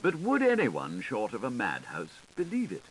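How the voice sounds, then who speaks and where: This is an old 1980s tape, hissy throughout and poor in quality, of a man narrating literary prose. His medium-pitched voice has a breathy edge and moves at a moderate pace, lilting and theatrical with plenty of variation.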